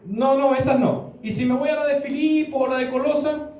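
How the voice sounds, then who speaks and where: A man playing a fussy, exasperated young man who grumbles about everything. His voice sits very high, and the recording echoes as if from across a room. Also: fairly even intonation, fairly quick, a little mellow. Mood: complaining. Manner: complaining, exasperated. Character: discontented young man hunting for a church. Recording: echoey church room, distant mic.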